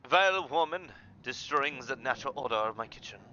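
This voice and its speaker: A man's voice: medium pitch, expressive, fairly quick, sharp tone, dull audio, slight background noise. A man voicing a haughty, scornful house cat with a French accent and disdainful, half-whispered lines. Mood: indignant. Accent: French, put on.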